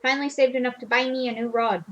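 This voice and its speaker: A woman reading a game's male fisherman character aloud, with a halting try at a sailor's accent. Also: on the high side, dull audio, natural voice. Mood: hearty. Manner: hearty sailor greeting, halting attempt at an accent. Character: weathered adult male fisherman back from sea. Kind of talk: voicing game dialogue aloud.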